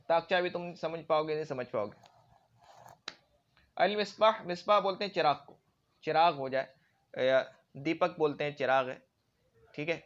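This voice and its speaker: Fairly high-voiced male grammar teacher, muffled. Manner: explains with everyday examples and frequent check-ins. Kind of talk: classroom grammar lecture. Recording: dull lo-fi recording.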